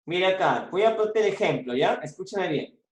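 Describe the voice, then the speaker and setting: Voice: medium pitch, expressive, fairly quick, echoey room. A teacher giving an online class, patiently repeating points and prompting the students to answer.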